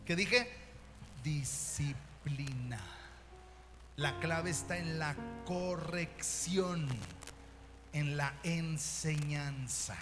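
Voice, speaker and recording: A middle-aged man with a Mexican Spanish accent, preaching an animated sermon as pastor and mimicking children and parents. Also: a little high, very slow. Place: church hall. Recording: long reverb in a church hall, music behind.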